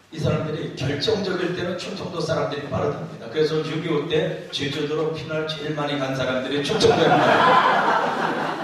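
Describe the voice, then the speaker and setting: High-voiced pastor preaching in an echoey church. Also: male voice, fairly bright tone. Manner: storytelling with jokes and mimicked dialect phrases. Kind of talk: sermon. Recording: far-off voice in a very echoey church hall with faint noise.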